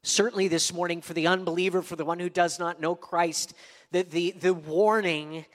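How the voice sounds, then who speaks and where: A man's voice: high-pitched, steady tone, moderate pace. A male pastor preaching a sermon, acting out the voices of the parable's servant and master with dramatic swings in delivery. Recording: long hall reverb.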